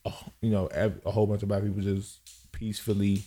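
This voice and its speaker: Appearing as a guest on a podcast, this man from Cameroon, roughly thirty-one, keeps the conversation casual. He has a relaxed tone and a low, soft-edged voice, frequently stopping to find the right word.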